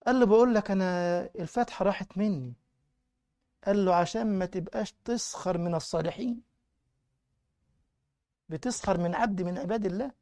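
A man with an Egyptian Arabic accent preaching in colloquial style, telling stories in an animated, mocking way. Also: high-pitched, no room sound, clean studio sound. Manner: animated, mocking storyteller with laughter. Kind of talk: colloquial sermon with storytelling.

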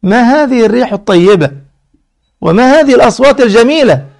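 A desperate, wide-eyed soul pleads at the gate of paradise, his voice climbing high and cracking with gravel, as a preacher puts him on. He begs over and over, bewildered and eager. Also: lively intonation, fast talker, a little mellow, heavily acted. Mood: pleading. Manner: begging, raised pleading voice.

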